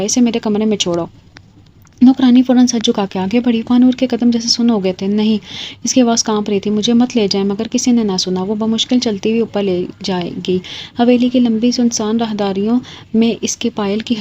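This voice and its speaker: A woman narrating a dramatic novel in a slow, storytelling manner. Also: mid-range voice, mellow, slight background noise.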